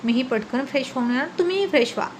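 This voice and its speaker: Woman doing a shrill, scatterbrained young wife. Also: animated, racing, slight background noise. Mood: teasing. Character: clumsy, chatty young wife, scolding and playful.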